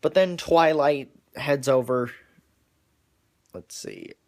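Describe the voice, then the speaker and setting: A man talking casually through the plot of a cartoon episode in his own everyday voice, pitched in a middle range. He stops and restarts often, doubling words before pushing on with the story. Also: very animated. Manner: halting, with frequent restarts and repeated words; wears glasses on camera.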